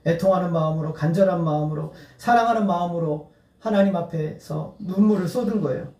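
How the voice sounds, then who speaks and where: Brisk and a little mellow, this high-voiced male pastor delivers an earnest sermon that builds to emphatic appeals, with bursts of laughter. He's in a church sanctuary, recorded from a distance in an echoey hall.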